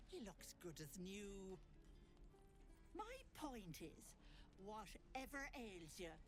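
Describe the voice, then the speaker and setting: A woman voicing a cheeky, doting old auntie healer in a video game, folksy and teasing as she cossets and peddles her remedies. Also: medium pitch. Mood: chatty reassuring. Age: older. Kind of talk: video game character acting.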